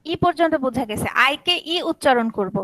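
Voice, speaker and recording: High-voiced Bangladeshi woman teaching. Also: lively intonation, fairly quick, fairly bright tone, dry recording, poor audio. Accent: Bangladeshi Bengali. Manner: explains pronunciation patiently, repeating vowel sounds. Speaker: language teacher. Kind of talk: online class lesson.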